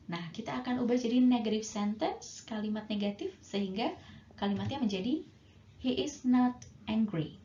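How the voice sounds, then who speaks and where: A woman teaching English grammar in a patient, slow way, stretching out each example sentence. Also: mid-range voice, dark tone. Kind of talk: bilingual grammar lesson. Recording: roomy, dull lo-fi sound with faint noise.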